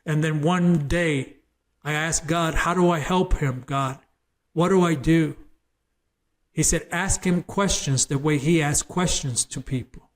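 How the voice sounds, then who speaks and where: A man with a fairly high voice and measured pace, formerly a gang member, guests on an interview show to tell his personal testimony as a story. His delivery is earnest and emphatic, often doubling back on words as he builds.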